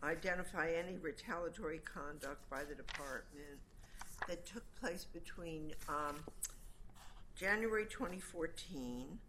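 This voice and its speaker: A woman presiding as an appellate judge, putting deliberate, probing questions to counsel during oral argument. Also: sits low, background noise.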